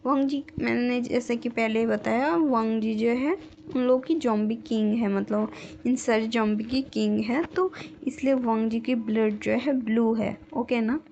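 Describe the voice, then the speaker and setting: A woman's voice: on the high side, fairly even intonation, moderate pace, vocal fry, darkish tone, lo-fi sound. A woman retelling a story casually, rambling with many filler phrases. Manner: meandering, lots of filler phrases.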